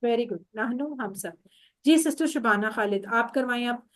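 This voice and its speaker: A woman's voice: fairly high pitch, normal speed. A woman teaching an online Arabic class, patiently repeating each word over a video call.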